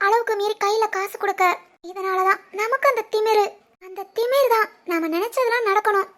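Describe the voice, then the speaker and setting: A woman plays a young woman in an animated family story, speaking with a Tirunelveli Tamil accent. She sounds soft and wistful, as if talking to herself in regret. The voice sits extremely high, almost childlike. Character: young woman, spoiled daughter turned remorseful.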